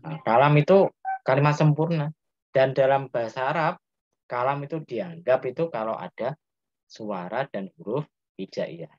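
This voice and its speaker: This Islamic grammar teacher, a man with a Javanese accent, walks his class through the material step by step and keeps posing questions to students. His medium-pitched voice goes at normal speed, recorded with dull audio and no room sound.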